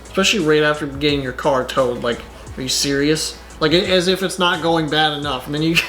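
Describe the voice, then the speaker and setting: Rambling man with a higher voice. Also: fast, faint music behind. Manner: rambling, filler-heavy, exasperated. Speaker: YouTuber. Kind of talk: casual reaction commentary.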